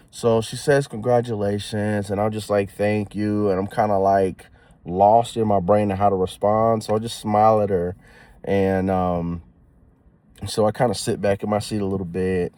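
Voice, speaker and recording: A young man with a fairly low voice tells a story in a casual vlog. His slangy talk swings from giddy and animated to hushed and somber. The recording is dry and close. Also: normal speed, dry recording. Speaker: new dad telling a story.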